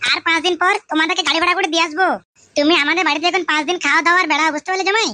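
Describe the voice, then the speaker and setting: A cajoling mother-in-law, voiced by a woman sweet-talks in a high, quick voice. She coaxes and pleads with every line. It is a comic village skit. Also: fairly even intonation, sharp tone. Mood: coaxing. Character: coaxing middle-aged mother-in-law, thirties by her claim.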